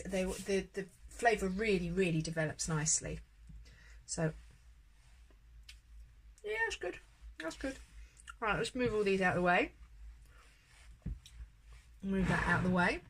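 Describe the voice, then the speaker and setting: This is a woman hosting a homemade baking tutorial, talking as she works. She chats and encourages the viewer, now and then dropping to a soft aside. Her voice sits in a middle pitch, with a light hiss of background noise. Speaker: home baker demonstrating a recipe. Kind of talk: casual cooking tutorial.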